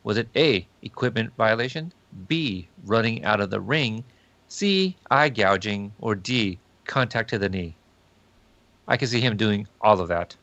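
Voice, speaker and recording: A man's voice: on the low side, lively intonation, unhurried, fairly bright tone, no echo. Man, trivia co-host, casual chat, easygoing, dry close sound, lo-fi. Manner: easygoing, explains things, laughs along. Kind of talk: casual chat on a live stream.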